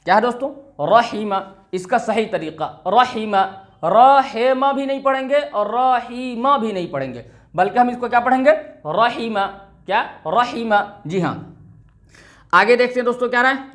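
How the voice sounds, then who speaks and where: A high-voiced man teaching a step-by-step reading lesson. He spells out syllables slowly and deliberately. Then he quizzes the listener and answers his own questions. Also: sharp tone.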